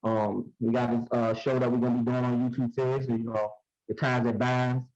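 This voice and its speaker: A man's voice: mid-range voice, flat delivery, a little mellow. Joking comedian guy, sounds underwater through a cheap muffled phone mic, dull lo-fi. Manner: laid-back, joking, drawn-out talk. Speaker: comedian and coach. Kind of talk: casual podcast chat over a call. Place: newly moved-into room at home.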